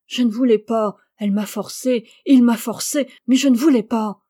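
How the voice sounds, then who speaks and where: A woman's voice: a little high, a little slow, dark tone, close to an everyday voice. A woman reading a story aloud, voicing a frightened middle-aged male village butcher who stammers and pleads. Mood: pleading.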